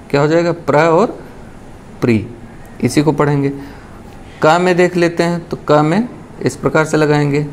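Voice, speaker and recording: Patient male shorthand teacher, slightly high voice. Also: a little hiss or hum. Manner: patient and explanatory, often checks with "ठीक है". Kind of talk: step-by-step lesson.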